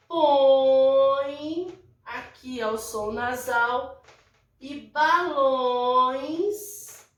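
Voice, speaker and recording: Her voice is on the high side with a fairly bright tone: a Brazilian woman teaching a recorded class for young children at primary level. She goes slowly, patiently repeating her points in Brazilian Portuguese and pausing to check that everyone follows, recorded from a distance in an echoey space.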